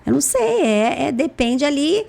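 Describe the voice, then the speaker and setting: A woman with a Brazilian Portuguese accent, a guest in a podcast interview, talking animatedly with lively, expressive intonation. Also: sits high, normal speed, vocal fry. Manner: animated, lively intonation, acts out phone calls in voices. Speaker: guest, insurance broker.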